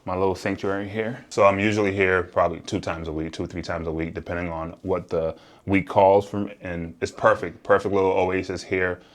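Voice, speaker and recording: Speaking casually to his vlog audience, a deep-voiced American man explains things from his work as a real estate developer and agent.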